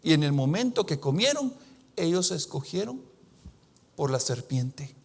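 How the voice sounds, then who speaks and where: A man preaching a sermon in a church, slowing his words for emphasis and swinging between loud and soft delivery. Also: fairly high pitch, sing-song, creaky, slightly rough. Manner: preaching with dramatic shifts in loudness; slows down for emphasis. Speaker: pastor.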